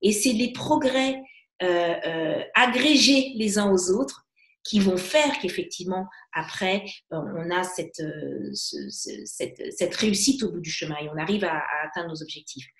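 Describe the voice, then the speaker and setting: A woman's voice: fairly low pitch, measured pace. A woman guest coach talking casually and with energy, often restarting her phrases with fillers. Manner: animated, many restarts and fillers. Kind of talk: casual interview talk. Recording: echoey room.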